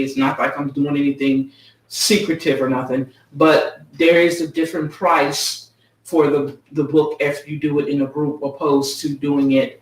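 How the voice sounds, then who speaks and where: Chatty woman author with a roomy echo. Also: sits low. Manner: casual, ends many sentences with a checking "okay?". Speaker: author promoting her own book. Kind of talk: casual live video chat. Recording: roomy echo, mic set far off.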